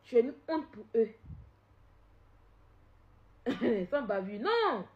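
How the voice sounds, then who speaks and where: A woman on a live stream, confrontational and repetitive, swinging from loud outbursts to low scolding. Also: sing-song, drawn-out words, lo-fi sound. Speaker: social media live streamer. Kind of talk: heated live-stream rant.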